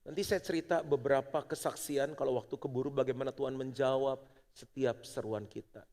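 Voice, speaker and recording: Animated preaching man, long hall reverb. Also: mid-range voice, fairly quick. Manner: animated preaching, shifts between loud exhortation and hushed prayer. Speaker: pastor. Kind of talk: sermon. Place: church auditorium.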